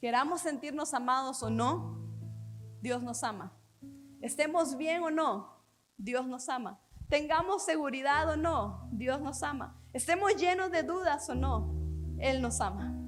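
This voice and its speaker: A woman pastor with a high voice preaches a sermon earnestly. Her phrases often sink softly at the end. Faint music plays behind her. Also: animated, unhurried. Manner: earnest, with soft dropping phrase endings.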